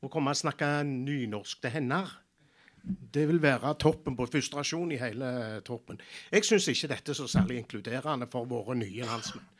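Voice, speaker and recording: A man makes a personal, hesitant case in a panel debate, with many fillers between his points. His voice sits at a middle pitch. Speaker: local politician.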